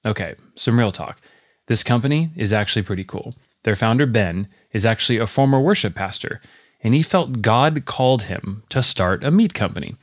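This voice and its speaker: A man's voice: lowish voice, animated, moderate pace, dry recording, clean studio sound. A man hosting a podcast, reading an ad and introducing the episode in a casual, upbeat way. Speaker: host. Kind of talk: ad read and show intro.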